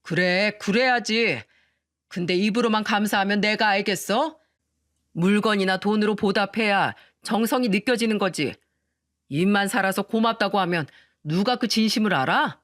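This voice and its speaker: A woman voicing a drunken, arrogant middle-aged man who bullies his brother-in-law, with slurred, condescending shouting in a dry, close recording. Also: mid-range voice, normal speed, dry recording, natural voice. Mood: drunken taunting. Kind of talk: storytelling radio narration.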